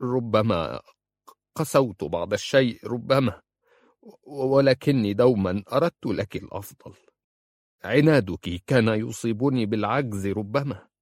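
A man voicing an older judge and father, proud and stubborn, speaking in a stern, measured way. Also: lowish voice, expressive, a little mellow, no echo, studio quality. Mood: hesitant.

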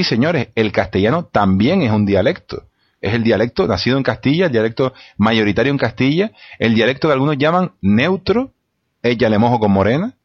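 A man from the Canary Islands, a guest in a debate show, arguing emphatically and rhetorically, pausing on fillers as he builds his points. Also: medium pitch, no room sound, muffled recording. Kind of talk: impassioned studio debate argument.

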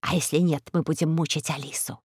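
A woman voicing a scheming willow tree that speaks in a hushed, rustling, threatening way. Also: low voice, fairly even intonation, brisk, slightly rough, dry recording, clean studio sound, voice pushed down, exaggerated voice.

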